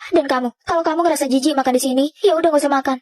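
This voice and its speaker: A woman dubbing a young wife who scolds forcefully and speaks her mind in a drama. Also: sits high, steady tone, rapid-fire, no echo, studio quality, natural voice. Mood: scolding. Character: outspoken young wife, sharp-tongued and fierce.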